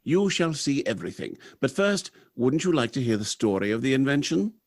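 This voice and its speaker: A courteous, businesslike general manager of a robot factory, played by a man in old-time radio drama style. He speaks formally, with brisk politeness and a middle-pitched voice. The sound is dry and close. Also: very animated, dry recording. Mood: courteous, attentive. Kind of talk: recreated 1930s radio drama acting.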